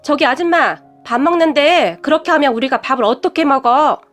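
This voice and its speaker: A woman voicing a spiteful, quick-tempered middle-aged woman who snaps and talks down to others. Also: high-pitched, animated, fairly bright tone, faint music behind. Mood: snapping. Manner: snapping, rude, talks down.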